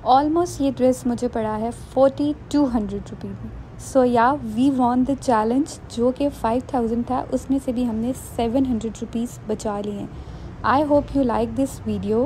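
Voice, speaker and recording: The recording is rough, with slight background noise, as a young Pakistani woman narrates her shopping vlog. Her slightly high, warm voice stays chatty, slips in English phrases, and breaks down each price step by step.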